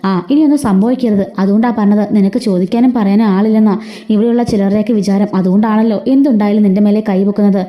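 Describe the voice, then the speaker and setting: An outspoken young sister scolds in rapid, pointed questions, voiced by a woman telling the story. The recording sounds muffled and lo-fi. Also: mid-range voice, fairly even intonation, close to an everyday voice. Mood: indignant.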